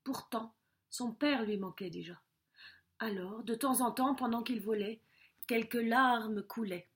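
Expressive woman reading a picture book. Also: a little high. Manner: slow, expressive storytelling with soft drops. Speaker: storyteller. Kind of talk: children's audiobook reading.

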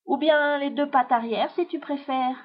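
A woman voicing a gentle young male hamster in a storybook reading, calm and polite, on a dull lo-fi recording. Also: high voice, moderate pace, close to an everyday voice.

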